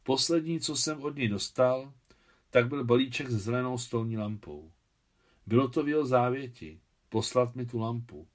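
A man reading a novel aloud, voicing a weary aging man who lives under a false name, in a quiet, confessional manner. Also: medium pitch, natural voice.

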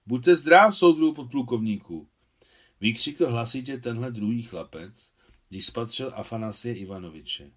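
A man, the translator, reading his own translation of a novel aloud in a calm, measured storytelling manner. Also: on the low side.

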